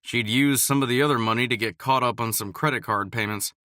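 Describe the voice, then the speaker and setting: A man calmly narrating a romance audiobook in scripted narration. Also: medium pitch, fairly quick, dry recording, clean studio sound.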